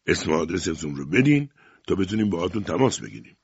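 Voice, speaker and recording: A man's voice: deep voice, sing-song, breathy edge, no room sound, lo-fi sound, heavily acted. A man reading an audiobook, voicing a brusque police commissioner who talks in a curt, official way. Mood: stern. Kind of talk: audiobook character voice.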